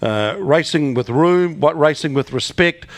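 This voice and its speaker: A man's voice: on the high side, animated, unhurried, no echo. A man with a New Zealand accent calling a motor race live as a race caller, building suspense in short punchy phrases and questions.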